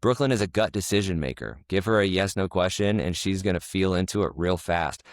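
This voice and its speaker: A middle-aged man co-hosting a podcast, telling family travel stories in a relaxed, rambling way. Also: deep voice, brisk, no echo, clean studio sound. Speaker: podcast co-host. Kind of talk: casual storytelling chat.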